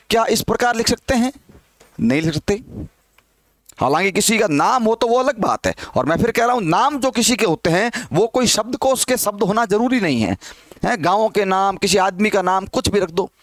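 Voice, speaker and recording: A man teaching a Hindi grammar lesson who asks his listeners questions, answers them himself, and repeats words slowly to model how they are said. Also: high-pitched, dry recording.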